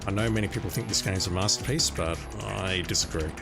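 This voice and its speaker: Over the game's soundtrack, this native Russian speaker rattles off relaxed, chatty commentary. He has a deep, gravelly voice and speaks fast.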